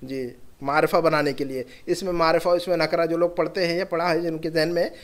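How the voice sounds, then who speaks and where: High-voiced man teaching grammar patiently. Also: steady tone, fairly quick. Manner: patient, repeats examples aloud. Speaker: Arabic teacher. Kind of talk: classroom grammar lesson.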